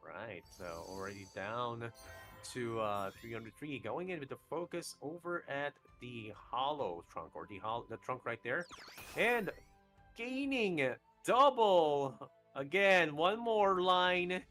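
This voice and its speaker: Guy casting a game tourney live, lotsa um and uh, hyped, soft music under it. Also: mid-range voice, takes it slowly. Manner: energetic, laughs often, many fillers. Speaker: esports caster. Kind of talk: live esports casting and trivia hosting.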